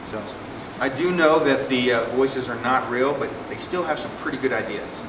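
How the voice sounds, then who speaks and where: Speaking at normal speed in a mid-range voice, a middle-aged male psychiatrist delivers a symposium talk that is chatty and jokey, riddled with fillers and false starts. The conference room has a projector screen, and the recording is echoey and distant, with a hum from the air conditioning.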